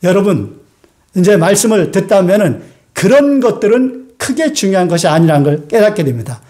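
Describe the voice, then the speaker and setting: A man with a high-pitched voice preaching a sermon. He talks in an easy, storytelling way, dropping frequent "uh" fillers as he goes. He puts questions to his congregation and has them repeat lines back. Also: sing-song, brisk, mellow. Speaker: pastor.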